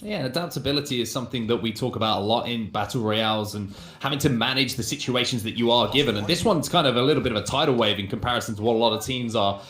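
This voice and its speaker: A man's voice: medium pitch, fast talker, fairly bright tone, reverberant. A man commentating live on an esports match as one of its casters.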